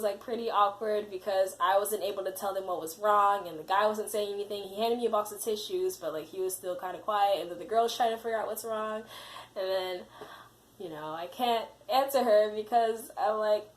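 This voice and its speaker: Speaking briskly at a medium pitch, a young woman vlogger chats casually to camera about something personal, her story packed with "you know" and "like." The audio is rough.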